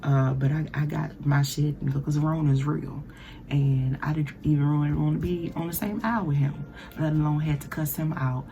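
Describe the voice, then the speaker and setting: A woman hosting a casual solo podcast, telling a story bluntly, with lots of profanity and animated asides. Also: sits low, moderate pace, gravelly, slight background noise. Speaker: podcast host. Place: lives in Burbank, California.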